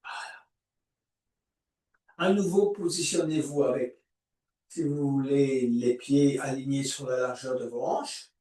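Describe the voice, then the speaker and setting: A man guiding a yoga class, giving calm, drawn-out cues for breathing and movement. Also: medium pitch. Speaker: yoga teacher. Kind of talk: guided yoga class instruction. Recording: echoey room, voice far from mic.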